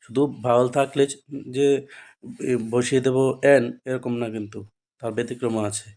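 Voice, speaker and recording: Speaking at a moderate pace with a flat delivery and a darkish, medium-pitched tone, this Bengali-accented man gives a classroom grammar lesson in English. He is repetitive, restating every rule and asking rhetorical questions to make sure students understand.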